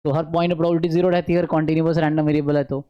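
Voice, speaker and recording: A man giving an online statistics lecture, explaining step by step, often checking in with the class and slowing down to dictate formulas. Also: on the high side, level tone, smooth, highs cut off. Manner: mixes English math terms into speech; slows to dictate formulas aloud. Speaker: statistics teacher.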